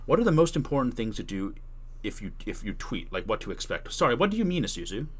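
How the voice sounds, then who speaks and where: A man's voice: mid-range voice, sing-song, fast, slightly rough. A man talking casually on a livestream, answering questions as he thinks aloud and rephrases. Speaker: streamer giving tutorial and answering chat questions.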